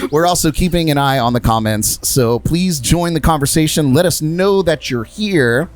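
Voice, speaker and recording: A man hosting a live music podcast, upbeat and quick to laugh. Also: a little high, expressive. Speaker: podcast host. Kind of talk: casual live show chat.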